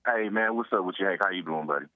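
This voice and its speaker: A man's voice: low-pitched, quick pace, dry recording. A man calling in over a phone line to a talk show, chatting casually and rambling, often repeating stock phrases. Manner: rambling, repeats "long story short" and "you see what I'm saying". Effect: heard over the phone. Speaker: caller. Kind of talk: casual call-in chat.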